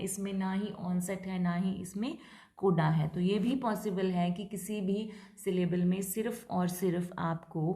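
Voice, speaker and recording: A patient woman lecturer with a mellow, mid-pitched voice walks a class through a lesson, switching between Hindi and English terms. She reads English definitions slowly and keeps checking that her students understand. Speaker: English linguistics teacher. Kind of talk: lecture explaining syllable structure.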